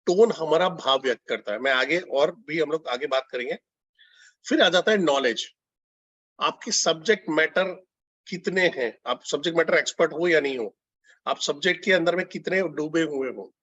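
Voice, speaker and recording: A man's voice: fairly high pitch, fairly bright tone, husky, no echo. A man, a business consultant, giving a conversational training lecture to telecallers and putting questions to his audience. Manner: conversational, mixing Hindi and English, asks the audience questions. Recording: dull lo-fi sound, dry.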